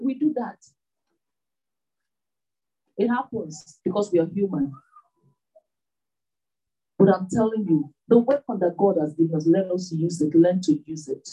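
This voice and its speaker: Husky woman preaching. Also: medium pitch, far from the mic, rough recording. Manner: animated preaching with repeated rhetorical questions. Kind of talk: sermon.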